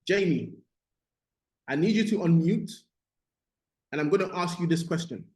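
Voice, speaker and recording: A Ghana-born man who relocated to the UK at eight teaches a live online business mindset course with fairly high, expressive, darkish-toned speech at a moderate pace. As a motivational coach, he stresses points emphatically, repeats key phrases, and keeps checking in. The room echoes noticeably.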